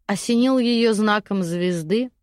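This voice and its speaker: A woman's voice: medium pitch, unhurried, darkish tone, no echo, studio quality. Woman narrating a fantasy audiobook.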